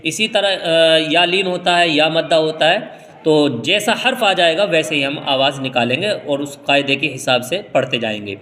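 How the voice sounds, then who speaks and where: Guy from india teaching quran reading, kinda high voice, spells letters slow then rushes the rules. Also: pushed and bright, big-room sound. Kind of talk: step-by-step recitation lesson.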